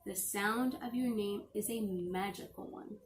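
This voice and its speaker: A middle-aged woman, speaking as a teacher, reads a picture book to young children with expressive, deliberately drawn-out phrasing. Her voice is medium-pitched, with a slight hiss or hum in the recording.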